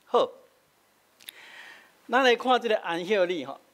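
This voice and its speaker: A man's voice: high voice, big pitch swings, measured pace, a bit bright. A middle-aged man with a Taiwanese accent, a pastor explaining scripture in a teaching sermon, tagging his sentences with a short "hah". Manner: explanatory, frequent filler "hah" tags, switching between Taiwanese and Mandarin.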